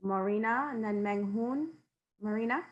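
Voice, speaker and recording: A woman moderates a group video call, calling out names in an easy, casual way. Her pitch is average for a woman. She talks through a video call mic. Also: normal speed, dull audio. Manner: friendly, apologetic, calls names.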